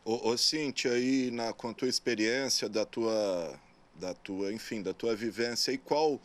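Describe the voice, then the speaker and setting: A man's voice: mid-range voice, measured pace. Brazilian male TV interviewer asking questions. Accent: São Paulo interior Brazilian Portuguese. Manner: conversational, hesitant restarts.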